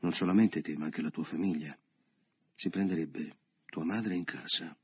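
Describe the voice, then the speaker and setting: A man's voice: very deep voice, moderate pace, darkish tone, husky, dry recording. A man voicing an assertive businessman who coaxes and insists, read in an audiobook. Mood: domineering. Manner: insistent, coaxing. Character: assertive businessman lover, persuasive, domineering. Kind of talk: audiobook character reading.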